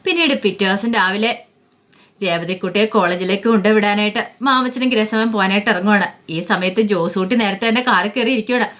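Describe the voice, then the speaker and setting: A woman's voice: mid-range voice, quick pace, a bit bright. A woman narrating a daily family story in a colloquial, conversational way, stepping into the characters' lines.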